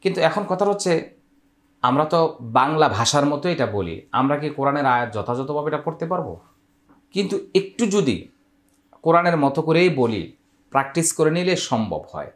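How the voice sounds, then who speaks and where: A man teaching Quran recitation rules, explaining each step and drawing out the Arabic words slowly. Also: on the high side, big pitch swings, roomy sound.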